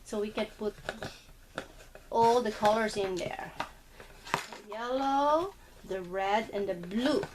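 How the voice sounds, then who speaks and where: Playing at home with her little boy, this mother keeps her words simple and patient. Her mid-range voice moves slowly, with long pauses, and the home video has noticeable noise.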